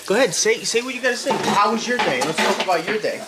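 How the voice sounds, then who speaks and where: A man's voice: high-pitched, lively intonation, fast. A man in his thirties chatting casually to a handheld camera at home, rambling and teasing, swearing often. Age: 30s. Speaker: family vlogger. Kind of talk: casual vlog chat. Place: home kitchen and bedroom, indoors. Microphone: handheld camera at arm's length. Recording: noisy home camera audio.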